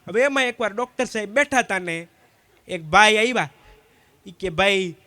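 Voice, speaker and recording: High bright-voiced comedian. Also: male voice, expressive, no echo. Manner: quick anecdotal storytelling, acting out both sides of each exchange. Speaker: stand-up comedian at a community gathering. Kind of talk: live stand-up joke telling.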